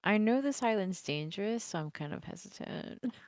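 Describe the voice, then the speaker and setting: A woman's voice: medium pitch, expressive, moderate pace, a little mellow, no room sound, studio quality. A woman chatting casually as a player in a tabletop game.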